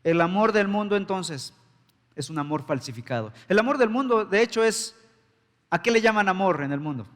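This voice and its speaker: A long church-hall reverb fills the sanctuary as a male pastor preaches emphatically, hurling rhetorical questions at the congregation. Animated and speaking at normal speed, he has a slightly bright voice that sits a little high for a man.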